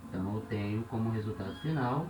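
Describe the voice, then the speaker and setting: Far from the mic and over music, a Brazilian man with a Brazilian Portuguese accent teaches a step-by-step board lesson, counting aloud and often checking with listeners. His voice is lowish, expressive and quick, with roomy echo and faint hiss in the recording.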